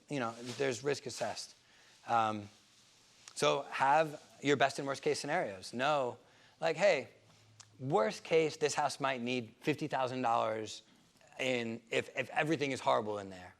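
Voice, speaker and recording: Man, real estate seminar teacher, gravelly voice, casual and rambling, average pitch. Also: a little slow. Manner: conversational, rambling, lots of fillers and restarts.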